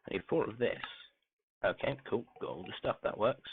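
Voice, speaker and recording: A man streaming a game, talking softly and muttering to himself as he crafts, his grainy voice muffled as if heard through a wall. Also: lowish voice, moderate pace, creaky, slightly rough, no room sound. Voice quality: grainy voice when quiet. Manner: talks softly, mumbling to himself while crafting. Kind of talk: casual live-stream gameplay commentary. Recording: muffled phone-like mic with faint music.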